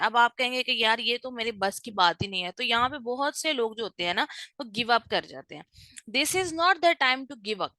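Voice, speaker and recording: A woman's voice: a little high, sharp tone, dry recording, poor audio. A woman teaching an online course in a direct, encouraging way. She switches freely between Hindi-Urdu and English and acts out sample phone calls to explain. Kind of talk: recorded lecture mixing Hindi-Urdu and English.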